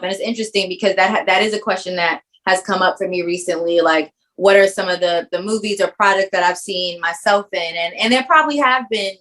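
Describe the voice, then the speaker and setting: A woman's voice: mid-range voice, a bit bright, poor audio. A woman filmmaker with a Caribbean background who grew up in New York, answering interview questions in a reflective, earnest way. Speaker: filmmaker guest.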